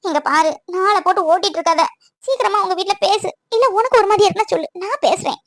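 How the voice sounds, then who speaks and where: A woman's voice: very high voice, quick pace, a bit bright, no room sound, clean studio sound. A young woman voicing a lonely, tearful girlfriend who complains and pleads with her boyfriend.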